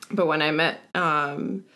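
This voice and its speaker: Young woman guest, slightly muffled, lowish voice. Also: fairly even intonation, slow, pushed and bright. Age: young adult. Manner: giggly, filler-heavy. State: mouth slightly muffled after wisdom tooth removal. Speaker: podcast guest. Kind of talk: casual conversational storytelling.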